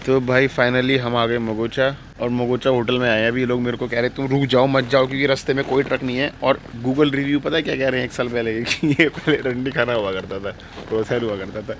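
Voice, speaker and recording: A young male travel vlogger from India talks straight to his phone camera, chatty and familiar. His voice sits at an ordinary pitch for a man. The recording is rough, with clear background noise from the street and road. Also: fairly even intonation, fairly quick, hardly any pauses. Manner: chatty, addresses viewers as "bhai". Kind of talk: casual travel vlog talk to camera. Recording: noisy handheld outdoor recording.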